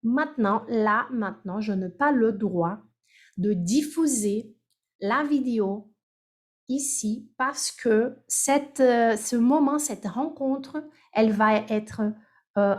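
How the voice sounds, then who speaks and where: Over a video call, a woman runs French drills for her online class, drawing phrases out slowly syllable by syllable so students can copy the rhythm. Her voice is a little higher than most.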